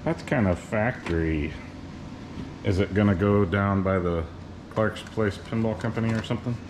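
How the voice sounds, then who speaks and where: An upbeat young man with a somewhat low voice chats and comments during a model railroad setup. The home-video sound carries steady background noise. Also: normal speed. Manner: upbeat, commenting, asks questions. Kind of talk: casual chat on a hobby video. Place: garage and train room, indoors. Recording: noisy home video audio.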